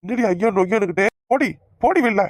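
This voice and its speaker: An angry young village husband, voiced by a woman with a Kanyakumari Tamil accent, brushing off his wife with quick threats. The voice sits mid-pitch and is recorded close and dry, like a cartoon comedy dub. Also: expressive, no room sound, natural voice. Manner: angry, dismissive, shouting threats.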